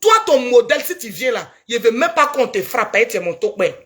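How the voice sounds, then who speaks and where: A woman's voice: a little high, sing-song, fairly quick, a bit bright. A woman with an Ivorian French accent delivering a heated, preachy video rant and scolding someone emphatically. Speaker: social media commentator.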